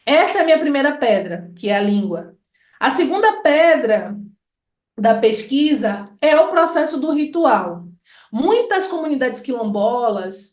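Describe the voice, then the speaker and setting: A Brazilian woman with a Bahian accent, an educator giving a lecture, slowly drawing out her example words. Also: on the high side. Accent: Bahian Portuguese. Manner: deliberate, stretches out example words. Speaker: educator and researcher. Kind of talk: lecture explaining linguistics. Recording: echoey room.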